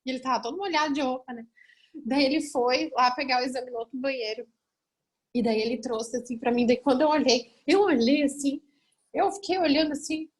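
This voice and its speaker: A woman's voice: high voice, brisk. A woman in her thirties, a group mentor, telling a personal story with emotion, acting out dialogue and restarting when moved.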